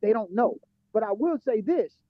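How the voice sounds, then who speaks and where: A man in a casual online debate who talks quickly and restarts his words, his voice heard muffled, dull and bassy over a call. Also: expressive, no echo. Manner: rapid, repeats words as he restarts. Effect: muffled, dull sound with the bass left and the highs gone. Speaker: panelist in an online discussion.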